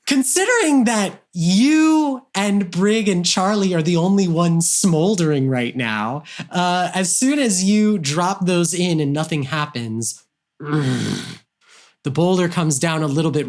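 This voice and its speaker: A man's voice: high voice, lively intonation, slow. A man running a tabletop game, improvising vivid narration as game master.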